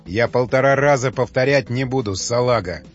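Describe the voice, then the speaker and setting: A man's voice: medium pitch, lively intonation, normal speed, natural voice. A man playing a curt commanding soldier. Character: commanding male soldier leader, barking orders. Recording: dull lo-fi audio with faint music.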